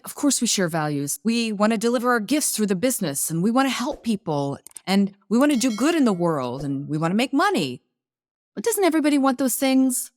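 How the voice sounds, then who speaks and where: A woman's voice: mid-range voice, dry recording, studio quality. A woman hosting a business podcast, explaining ideas in a coaching tone, asking rhetorical questions and interviewing guests. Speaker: podcast host.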